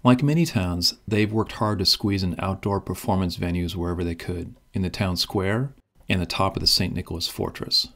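A man giving calm, scripted narration for a sailing travel vlog. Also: sits low, moderate pace, creaky.

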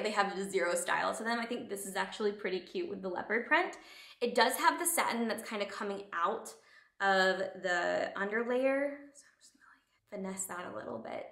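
A woman's voice: mid-range voice, sharp tone. Chatty woman vlogger in an echoey room. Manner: chatty, lots of "like" fillers, occasional whispers. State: morning voice. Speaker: beauty vlogger. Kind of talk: casual product review.

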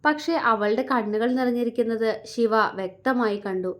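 A woman storyteller reading a romance story in a steady, expressive way. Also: fairly high pitch, normal speed.

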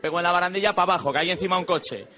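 A man performing a stand-up monologue on stage, delivering quick deadpan punchlines and mimicking his relatives. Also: sits high. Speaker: stand-up comedian. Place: stage before a live audience. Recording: stage recording with audience laughter and noise.

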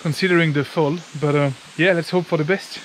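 Chatty male travel vlogger, slightly high voice. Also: steady tone, a little fast, rough recording. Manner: informal, chatty, occasional swearing. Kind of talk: casual vlog commentary. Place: outdoors on forest walking paths. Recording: outdoor ambience noise.

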